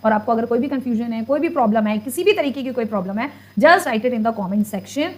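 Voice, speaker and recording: A woman in her thirties with an Indian accent, teaching a school geography lesson online, explaining patiently and reading English passages slowly. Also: a little high, lively intonation. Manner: explains patiently, repeats "ठीक है" often, reads English lines slowly. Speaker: social studies teacher.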